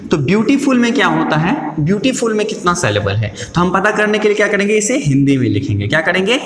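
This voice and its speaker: A man teaching a grammar lesson, posing questions to his students, answering them himself and repeating key words slowly. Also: sits high, very animated. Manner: calls listeners "dear" and "my brother". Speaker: English teacher. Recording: echoey room with long reverb.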